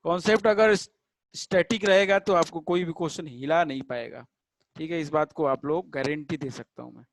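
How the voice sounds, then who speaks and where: A man teaching a chemistry class, patiently checking that students understand and drawing out English terms slowly. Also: on the high side. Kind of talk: classroom lecture.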